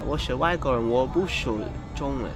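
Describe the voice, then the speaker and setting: A British man in his twenties, a native English speaker, chatting casually as a travel vlogger in halting, foreign-accented beginner Mandarin with simple broken phrases. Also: medium pitch. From United Kingdom. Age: 20s. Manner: simple broken phrases with repeated searching for words. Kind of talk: casual chat with locals.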